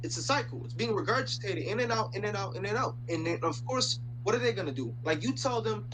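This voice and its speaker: A man's voice: high-pitched, expressive, quick pace. A young man from the Dominican Republic ranting casually in a video chat, slangy and profane, rambling with lots of fillers. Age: young adult. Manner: slangy, swears a lot, rambles with many fillers. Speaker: random video chat stranger. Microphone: video chat computer mic. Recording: video chat audio with loud background hum.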